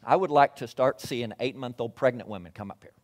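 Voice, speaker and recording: A man in his sixties preaching a sermon, telling Bible stories, acting out the voices and rising loud at the high points. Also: fairly quick. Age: 60s. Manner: storytelling preacher who acts out voices and swells loud at climaxes. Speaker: pastor.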